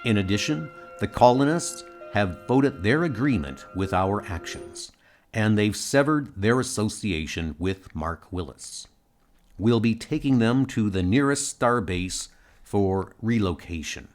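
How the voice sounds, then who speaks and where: Resolute male starship captain played by a man, low-pitched and earnest, for a comic-book audio drama. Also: animated, measured pace, faint music behind. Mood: measured.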